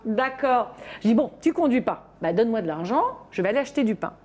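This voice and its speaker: A woman on a radio show, telling a parenting story in an animated way and acting out a little girl's voice. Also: a little high, fast talker. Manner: animated storytelling, acts out a child's voice. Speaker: parenting columnist.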